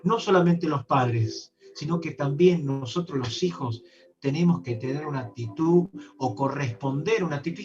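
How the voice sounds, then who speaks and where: A man preaching a sermon as a bishop, earnest and speaking straight to his listeners. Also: a little high. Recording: distant, dull online-meeting audio.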